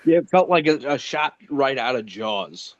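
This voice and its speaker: A man's voice: medium pitch, lively intonation, moderate pace, no echo, highs cut off. A man chatting casually as a guest, making short joking remarks. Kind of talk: casual chat.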